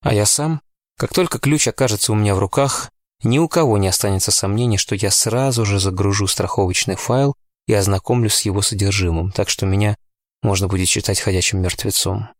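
A man narrating a novel in the first person in a steady, tense storytelling manner. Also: on the low side, a little fast, no echo, studio quality. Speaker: audiobook narrator.

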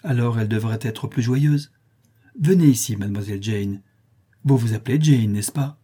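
A man voicing a blunt but kindly apothecary in an audiobook reading, asking brisk questions. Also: mid-range voice, mellow, slightly rough, natural voice. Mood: questioning. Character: kindly blunt male apothecary, middle-aged.

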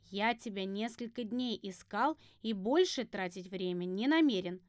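A woman's voice: mid-range voice, normal speed, no echo, clean studio sound, lightly acted. A woman reading the part of a smug, demanding young male prince in an audiobook. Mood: stubborn. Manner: bossy, insistent.

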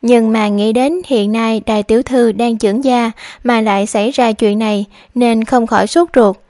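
A woman's voice: on the high side, steady tone, moderate pace, dark tone, dry recording, clean studio sound, lightly acted. A woman voicing a scheming young maid, pleading. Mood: worried pleading. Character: scheming young maidservant, woman, feigning worry.

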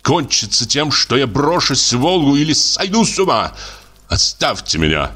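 A man's voice: mid-range voice, very animated, pushed and bright, pitched above the performer's own voice. A man reading the lines of an irritable, tormented male painter, curt and weary. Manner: curt, exasperated, slow through gritted teeth.

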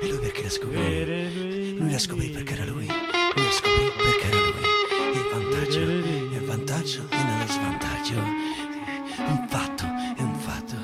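An actor recites dialect poetry with drama on the radio, his slightly high voice swinging hugely in pitch at a moderate pace. He muses and repeats lines for emphasis while a guitar plays throughout the studio recording.

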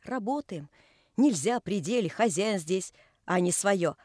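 A woman's voice: medium pitch, expressive, a little slow, a little mellow. An old, devout carpenter, played by a woman chides in a homely, folksy way and spins long stories of the old days. The voice is close and dry with no room echo, in a storybook reading. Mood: reminiscing. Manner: folksy, chiding. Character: pious old male carpenter, scolding, storytelling.

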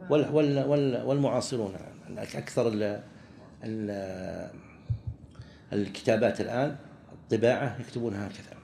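A man, a religious teacher explaining a legal text to students, halting and often restarting his words. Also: mid-range voice, gravelly, warm tone. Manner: halting, with frequent restarts and pauses.

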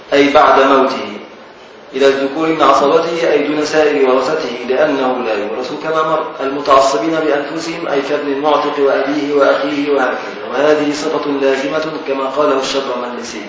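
A man's voice: fairly high pitch, a bit bright, dull audio. A man with an Egyptian Arabic accent teaching a classical legal text to a class, questioning and teasing his students as he explains. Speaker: teacher of Islamic law texts. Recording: very echoey, distant from the mic, faint hiss.

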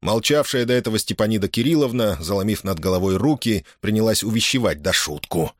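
Man, audiobook narration, lively melodic reading, dry close sound. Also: lowish voice, a little fast, no room sound. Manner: expressive storytelling.

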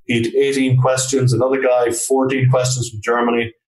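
Heard from a distant mic in an echoing room, a Galway man with a west of Ireland accent, a trainer and consultant, gives conversational, plain-spoken answers as an interview guest. His mid-range voice is a little mellow and a little fast, with little pitch movement.

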